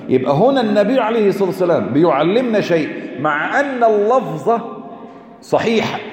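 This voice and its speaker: High-voiced preacher with Egyptian Arabic accent. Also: male voice, a little mellow. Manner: rhetorical questions to the audience, emphatic repetition. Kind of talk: religious lesson. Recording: echoey hall.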